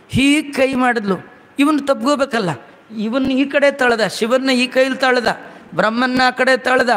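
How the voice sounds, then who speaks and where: A man's voice: extremely high pitch, a bit bright. A man giving a devotional storytelling discourse, telling the tale with animation and chanting verses. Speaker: religious discourse speaker. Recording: long hall reverb.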